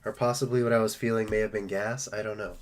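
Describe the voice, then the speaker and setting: A man's voice: lowish voice, little pitch movement, fast. A man hosting a live stream, chatting casually and joking while opening trading card packs. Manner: joking, rambling, playful.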